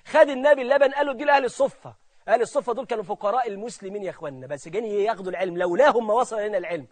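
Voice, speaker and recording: Animated Egyptian preacher, high quick voice. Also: male voice. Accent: Egyptian Arabic. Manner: animated, swings between loud emphasis and hushed near-whispers. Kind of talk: colloquial sermon with storytelling.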